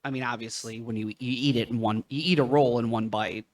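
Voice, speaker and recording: A man co-hosting a casual podcast chat, playful and joking with sudden loud bursts. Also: medium pitch, fairly even intonation, fairly quick. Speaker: podcast co-host.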